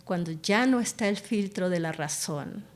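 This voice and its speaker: This neurologist, a woman interviewed as a guest, speaks at a normal pace in a voice on the low side. She explains things and recounts her patients' stories expressively in a conversational interview.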